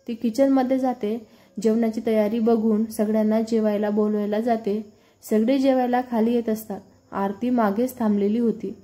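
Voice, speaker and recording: A woman reading a story aloud in an even, unhurried scripted narration. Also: on the high side.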